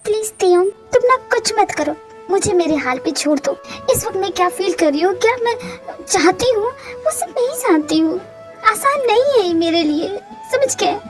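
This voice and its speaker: A woman's voice: very high-pitched, lively intonation, moderate pace, faint music behind. A woman voicing a grieving young wife in a fan audio drama, tearful and pleading. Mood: anguished.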